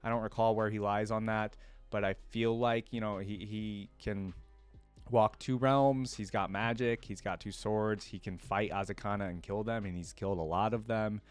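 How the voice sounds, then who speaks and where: A man with a lowish, steady voice hosts a reaction video, speaking at normal speed in a clean tone with faint music behind him. He chats informally and enthusiastically to camera, rambling as he thinks aloud.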